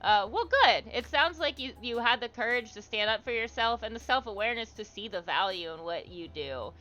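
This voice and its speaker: Reading viewers' comments aloud, a livestream host keeps her casual chat warm and supportive. Her mid-range voice is bright and forceful, though the audio sounds dull.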